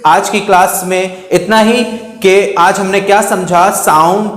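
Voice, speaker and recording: A man with a high voice leads a beginner English class at an unhurried pace, saying each example word again and again. His voice carries a long reverb, as if he were recording in a bare, echoey room. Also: fairly even intonation, fairly bright tone. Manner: slow, repeats each word several times. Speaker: English teacher. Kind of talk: beginner grammar lesson.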